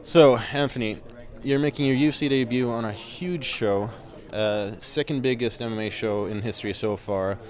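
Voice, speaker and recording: A man interviewing a fighter before an MMA event, asking measured questions with the odd filler. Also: medium pitch.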